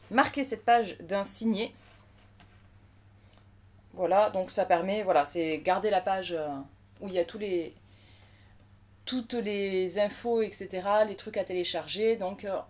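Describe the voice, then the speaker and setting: A woman's voice: medium pitch, a little mellow. A woman from France giving casual, chatty unboxing commentary, thinking aloud as she handles a new crafting machine. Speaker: crafting vlogger.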